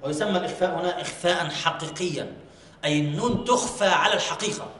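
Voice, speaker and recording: A man teaching Quran recitation rules, repeating words slowly and drawing them out to show the pronunciation, in a mosque. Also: high voice, a bit bright, a little hiss or hum. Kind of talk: tajweed lesson with demonstrated recitation. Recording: echoey mosque hall.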